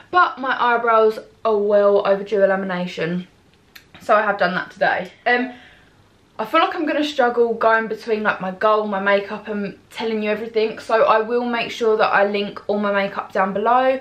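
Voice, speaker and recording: A woman's voice: medium pitch, fairly bright tone. A young woman chatting through her makeup routine in a rambling vlog, full of ums and likes, recorded at home on a camera mic. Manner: rambling, filler-heavy, many ums and likes. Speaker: beauty vlogger. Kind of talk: chatty get-ready-with-me vlog. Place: at home, in front of a mirror.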